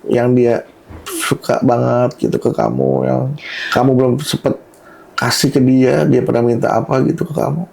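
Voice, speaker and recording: A man hosting a podcast interview, gently prompting his guest and tagging his questions with a soft question word. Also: medium pitch, fairly even intonation, moderate pace, gravelly. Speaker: podcast host.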